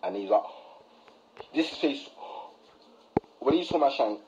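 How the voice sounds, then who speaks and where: A man's voice: mid-range voice, lively intonation, takes it slowly, dull audio, background noise. A young man ranting defiantly to camera in casual chat, rambling and full of slang.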